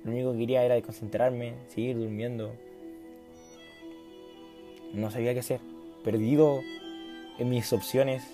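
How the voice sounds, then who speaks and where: In his casual vlog, a Chilean Spanish-accented young man in his late teens spins a rambling, self-mocking tale full of slang and acted-out dialogue. His warm, medium-pitched voice keeps fairly even intonation at normal speed, with long pauses and faint music in the background.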